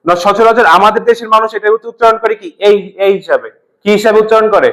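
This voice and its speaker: A man's voice: sits high, fast, a bit bright, low-quality recording. A man teaching English in a classroom, drilling sounds for the students to repeat and then explaining and quizzing them. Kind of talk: classroom lesson with call-and-response drills. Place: madrasa classroom.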